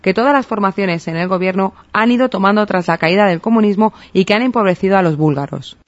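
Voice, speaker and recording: A woman newsreader reading news reports in a brisk, even delivery. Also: medium pitch, no echo. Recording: dull lo-fi radio audio.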